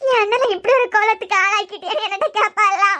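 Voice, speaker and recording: Lady voicing a scared young cartoon wife, super high and bright, kanyakumari accent. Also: steady tone, quick pace. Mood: tearful, frightened. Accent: Kanyakumari Tamil. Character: grieving young wife, frightened and guilt-ridden. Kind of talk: cartoon serial voice acting.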